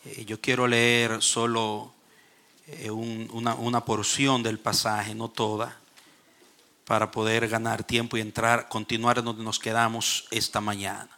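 A man preaching a sermon, reading scripture aloud with rising emphasis and frequent pauses. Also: on the low side, little pitch movement, bright, forceful tone. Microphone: streamed online service.

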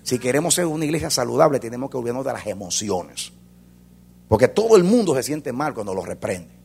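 A man preaching a sermon as a pastor, swinging between loud fervor and hushed intensity. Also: mid-range voice, very animated, a little fast, vocal fry, a little hiss or hum.

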